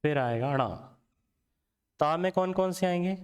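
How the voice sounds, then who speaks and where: A young man with a fairly high, clean-toned voice teaches a Hindi grammar lesson. He goes slowly, sounding out letters one at a time, repeating the sounds aloud and quizzing the viewer.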